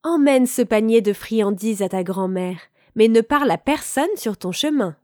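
A woman voicing a caring mother in a storybook reading, giving plain, gentle instructions. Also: on the high side, lively intonation, normal speed, slight background noise, close to an everyday voice. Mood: instructing.

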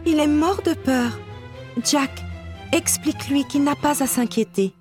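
A woman voicing a gentle, kind young woman in a storybook reading, in a soft, lifted voice. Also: sits high, measured pace, faint music behind, voice pushed up.

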